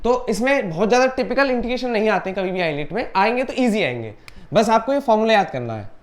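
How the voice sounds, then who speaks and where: A woman teaching a maths lesson step by step. She explains patiently, mixes English maths terms into her sentences and reads formulas aloud slowly, word by word. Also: a little high, big pitch swings.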